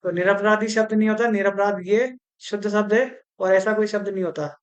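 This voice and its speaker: A teacher giving an exam-prep grammar lesson, slowly repeating words and spelling out their syllables, often mixing English words into Hindi. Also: mid-range voice. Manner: slow, repetitive, spells out syllables.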